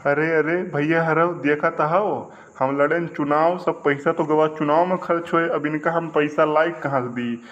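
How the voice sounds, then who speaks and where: A man's voice: on the high side, normal speed. Wheedling man, comedy. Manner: pleading, wheedling, excitable. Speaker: comic village election candidate. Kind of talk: village comedy sketch. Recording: lo-fi recording.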